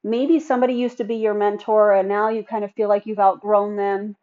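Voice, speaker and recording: A young woman hosts a solo podcast, talking to her listeners in a chatty, upbeat way. Her voice sits at an ordinary pitch, and the recording sounds slightly dull and lo-fi. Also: little pitch movement, brisk, dark tone. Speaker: podcast host.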